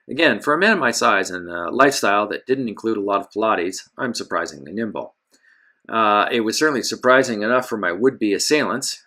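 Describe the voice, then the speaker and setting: A man's voice: fairly low pitch, pushed and bright. A man narrating a first-person pulp adventure story with wisecracking, self-mocking, hard-boiled asides.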